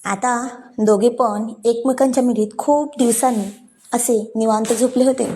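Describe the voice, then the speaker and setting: A woman reads a romantic story aloud in a calm, steady manner. Her voice sits fairly high for a woman. The narration is plain and unhurried. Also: breathy edge.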